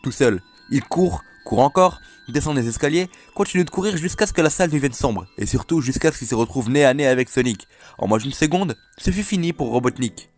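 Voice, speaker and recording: A man's voice: medium pitch, expressive, fairly quick. A man hosting a video, casually recounting an internet horror legend in a chatty, joking way and talking straight to his viewers. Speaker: host.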